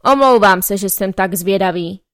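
A woman voicing a short, cheerful man who asks polite but nosy questions, in a smooth, clear voice. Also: medium pitch, fairly bright tone, no room sound, studio quality, natural voice. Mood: curious. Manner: friendly, politely inquisitive.

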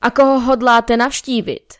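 A woman voicing a short, cheerful man who asks polite but nosy questions, in a smooth, clear voice. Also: on the high side, level tone, no room sound, clean studio sound, lightly acted. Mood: curious. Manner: friendly, politely inquisitive.

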